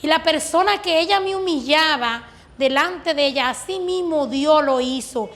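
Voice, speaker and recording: Speaking at a moderate pace in a high, somewhat bright voice, a woman appears as a guest to tell her faith story. She recounts prayers and how they were answered, fervent and sincere throughout.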